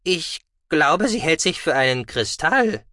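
A man's voice: a little slow, no room sound, studio quality, heavily acted. A man voicing a small, cheeky, furry male alien who is telepathic, for an audiobook. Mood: worried. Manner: high, excitable, defensive. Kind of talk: audiobook reading.

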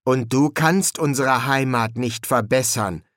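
A man's voice: mid-range voice, measured pace, a bit bright, no room sound, natural voice. A man voicing a blunt young boy who grumbles, in a dry audiobook reading. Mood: grumbling.

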